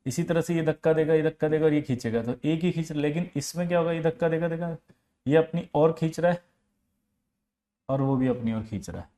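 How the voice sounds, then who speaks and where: High-voiced, teasing chemistry teacher. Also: male voice, fairly even intonation, fast talker, mellow. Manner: teasing, scolding, explains with examples. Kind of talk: classroom lecture.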